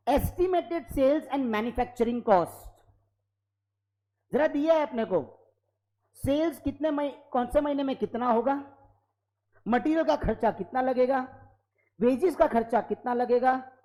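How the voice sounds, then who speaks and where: A man teaching an accounting class live in a classroom, lively and constantly prompting students for yes or no. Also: extremely high pitch, poor audio. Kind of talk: classroom lecture.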